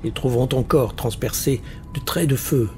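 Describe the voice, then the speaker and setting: A man's voice: medium pitch, moderate pace, a little mellow, faint music behind, lightly acted. A man voicing a resolute sorcerer in an audiobook fantasy tale, speaking with firm, threatening commands.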